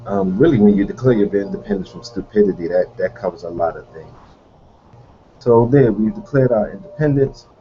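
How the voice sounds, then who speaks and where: A man's voice: on the low side, fairly quick, faint music behind. A man hosting a live online hangout, musing in a rambling way, with fillers and restarts. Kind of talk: casual livestream monologue. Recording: dull lo-fi audio with faint noise.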